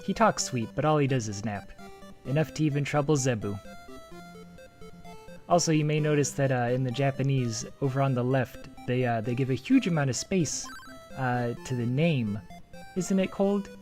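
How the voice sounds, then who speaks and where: Soft background music plays as a man reads out game text for a translation comparison video, stopping to comment in bursts of excitement. He sounds lively and jokey, at medium pitch and moderate pace.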